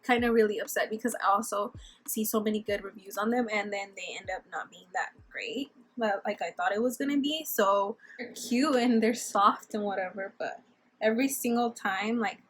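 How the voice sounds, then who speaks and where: A woman's voice: medium pitch, normal speed, a little hiss or hum. A young woman vlogger doing a casual product review, chatty and frustrated, fills her talk with "like" and swears when annoyed. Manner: frustrated and irritated. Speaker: beauty vlogger.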